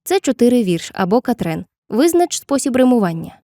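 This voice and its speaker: A woman narrating a scripted literature lesson with clear, measured explanations, slowing down to read poem lines. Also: on the high side, very animated, warm tone, no room sound, studio quality. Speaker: teacher.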